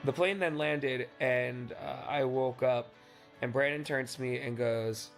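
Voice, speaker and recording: A man's voice: medium pitch, steady tone, a little slow. A man narrating his travel vlog in a casual, joking, self-deprecating way. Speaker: vlogger recapping a fundraising tour. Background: background music.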